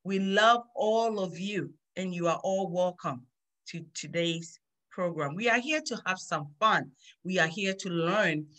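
Bright-voiced woman hosting kids' class. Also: fairly low pitch, measured pace. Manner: warm, upbeat, repeats phrases to children. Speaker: children's Sunday school host. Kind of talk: teaching kids over video call. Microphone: video call.

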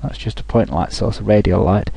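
A man talking through a software tutorial over a screen recording, thinking aloud with frequent restarts. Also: on the low side, brisk, vocal fry, breathy edge, no echo, poor audio.

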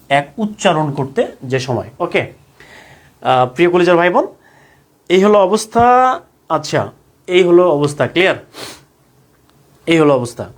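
A male Bangladeshi exam-prep teacher giving an online grammar lesson, repeating each point and checking with "clear?". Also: on the high side. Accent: Bangladeshi Bengali. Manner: repetitive, drills points with frequent "clear?" checks.

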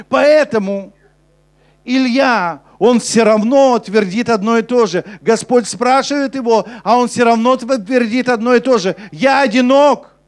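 A young man preaching a sermon on a church stage with a handheld mic, switching between emphatic urgency and a soft, low delivery. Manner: preaching with rising intensity, then dropping soft and low for scripture. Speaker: pastor. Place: church stage before a congregation.

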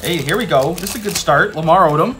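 A man's voice: on the high side, quick pace, pushed and bright, soft background music. A man co-hosting a card-collecting show, chatting casually and naming cards as he flips them. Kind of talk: casual chat while opening packs.

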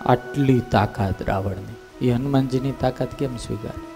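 A man giving a storytelling sermon as a swami in a temple, acting out voices with lively animation. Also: medium pitch, moderate pace, gravelly. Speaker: swami giving a religious discourse. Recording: long temple hall reverb, faint music.

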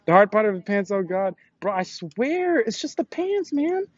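A young man live-streaming outdoors on a college campus from a selfie stick, excitable and slangy, laughing often and swearing, out of breath and sweaty after push-ups. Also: high-pitched, moderate pace, muffled recording, a little hiss or hum. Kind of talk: casual live-stream chat. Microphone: selfie stick tripod.

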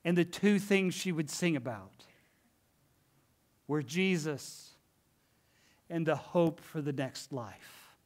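Man, pastor, sermon, church, earnest storytelling, unhurried, slightly high voice. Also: lively intonation. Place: church sanctuary.

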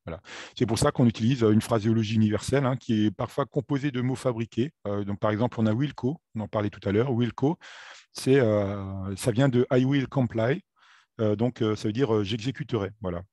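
A French-speaking man giving a video lesson on aviation, talking in a halting way with many fillers and self-corrections. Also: lowish voice, mellow, no room sound. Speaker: aviation theory instructor.

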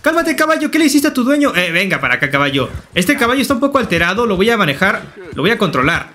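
A man with a Mexican accent giving playful, joking let's play commentary with loud excited outbursts. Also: high voice, very fast. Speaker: gaming YouTuber.

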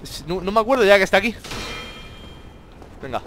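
Spanish guy from spain narrating his gameplay, slightly high voice, yells and swears at enemies. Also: fairly quick, a little hiss or hum. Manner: excitable, swears a lot, talks to the enemies. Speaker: gamer playing a video game. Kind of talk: let's-play commentary.

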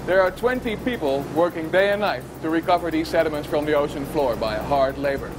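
Young guy doing a news report on mic, voice a bit high, music behind. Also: animated, brisk. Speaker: scientist presenting a news-style report. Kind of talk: scripted on-camera news report. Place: on a drilling ship deck. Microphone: handheld microphone.

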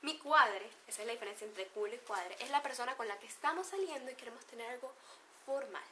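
A woman's voice: a little high, lively intonation, quick pace, sharp tone, slight background noise. A woman with a Venezuelan accent chatting playfully to camera, laughing often as she explains slang. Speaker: beauty vlogger. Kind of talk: casual chat to camera.

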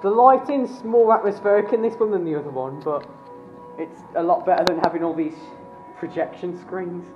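A woman's voice: on the low side, moderate pace. A middle-aged woman chatting casually as she comments on a walk through a cave. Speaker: vlogger. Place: inside a show cave. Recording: dull lo-fi camcorder sound, loud music. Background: music playing in the cave.

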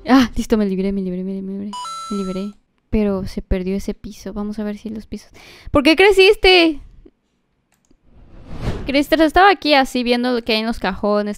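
A woman doing let's-play commentary, excitable, shrieking and gasping as she talks straight to her viewers. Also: mid-range voice. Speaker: gaming streamer.

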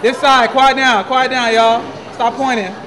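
A young man emcees a competition in an outdoor courtyard, hyping the teams and calling the crowd to order. His voice is very high for a man. A crowd murmurs clearly around him. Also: steady tone, a little slow. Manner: hyped, calls for applause and quiet. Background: crowd noise.

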